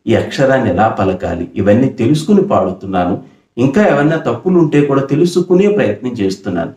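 A middle-aged man from Andhra Pradesh gives a patient, earnest pronunciation lesson for singers. He explains each point carefully and breaks into short sung examples. His mid-pitched voice sits in a roomy, echoing space. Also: a little mellow. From Andhra Pradesh, India. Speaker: music teacher. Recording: roomy echo.

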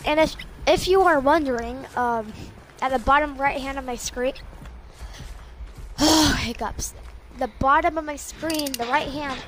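A young woman with the hiccups giving chatty, self-deprecating commentary while playing a game. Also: high-pitched. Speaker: gamer. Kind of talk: casual gameplay commentary. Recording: loud background noise.

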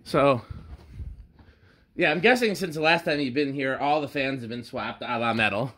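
Showing off his collection of fans, a man leads an off-the-cuff tour through a wooden barn and explains technical points along the way. He speaks at a moderate pace with a medium-pitched, sharp-toned voice, caught on a handheld recorder amid background noise.

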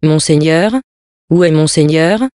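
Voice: mid-range voice, steady tone, a little slow, darkish tone, clean tone, no echo, clean studio sound, lightly acted. A reader voicing a flustered, pious elderly country priest who stammers in alarm, in a storybook reading.

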